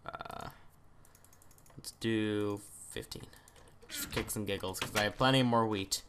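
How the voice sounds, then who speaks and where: Over some background noise, a man with a fairly low voice talks at a measured pace in let's play commentary. He chats easily and thinks aloud during the game, frequently drifting into muttering.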